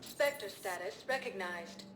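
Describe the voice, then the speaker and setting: A woman voicing a calm female elevator computer, giving formal announcements in an even, measured way. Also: medium pitch, background noise. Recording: echoey game audio over music.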